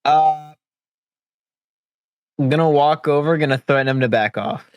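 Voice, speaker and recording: A man's voice: fairly high pitch, unhurried, clean tone, dry recording, poor audio. A man playing a tabletop game, joking and playful as he declares his moves. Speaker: player. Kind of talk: casual tabletop game chat.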